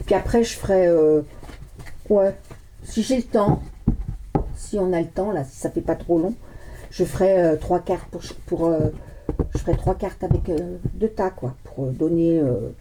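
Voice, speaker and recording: A woman reads tarot cards for her viewers in a slow, unhurried way. She rambles, restarts her sentences and drops jokey asides. A steady noise runs under her voice. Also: lowish voice. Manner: chatty, rambling, full of restarts and jokes. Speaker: tarot card reader. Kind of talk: casual chat.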